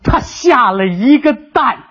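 High-voiced gossipy crosstalk teller, bouncy pitch, muffled stage sound. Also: animated, fairly bright tone, breathy edge. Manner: gossipy, conspiratorial, drawn-out storytelling with hesitations. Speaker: crosstalk comic, lead teller.

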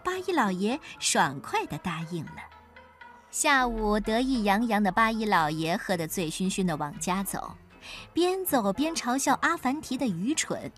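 A woman narrating a children's folk tale in an expressive storytelling manner. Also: medium pitch, unhurried, soft background music.

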